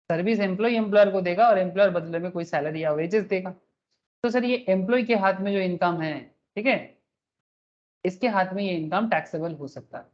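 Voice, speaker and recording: Self-mocking jokes about his drawings punctuate a male teacher's online tax class, where he calls everyone "sir" and blends in English terms. His high voice is a little mellow, and the audio has its highs cut off.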